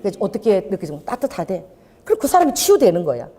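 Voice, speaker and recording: A middle-aged woman pastor preaching a lively Pentecostal sermon, telling a healing story and firing off rhetorical questions. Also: mid-range voice, fast. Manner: animated preaching, rhetorical questions, acts out scenes. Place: church sanctuary. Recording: church hall reverb.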